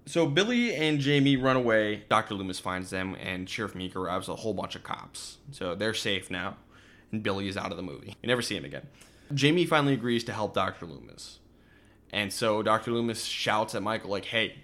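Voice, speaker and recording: Lower-voiced man recapping a film. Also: a bit bright. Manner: recapping a film with wry asides. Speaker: podcast co-host. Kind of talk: casual chat.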